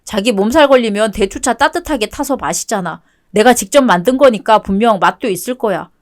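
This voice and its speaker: A woman's voice: medium pitch, lively intonation, fairly quick, natural voice. A woman voicing a clingy young husband who begs and whines in a web-toon radio drama reading. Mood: pleading. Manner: whiny, begging.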